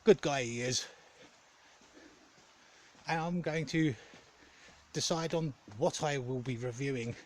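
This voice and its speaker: A man giving a casual, rambling vlog update in a hesitant, halting way, often correcting himself. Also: medium pitch, a little mellow, slight background noise. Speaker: gaming content creator.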